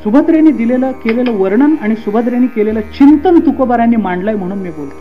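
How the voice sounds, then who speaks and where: A man's voice: very high-pitched, expressive, fast, narrow, tinny audio, faint music behind. A man preaching a devotional sermon, telling a story dramatically, with frequent hums and chanted verses. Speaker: kirtan preacher.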